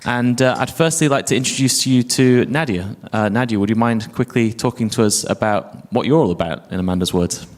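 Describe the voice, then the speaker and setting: A man's voice: mid-range voice, brisk, hardly any pauses. A man moderating a conference panel, introducing guests in a friendly way with frequent fillers.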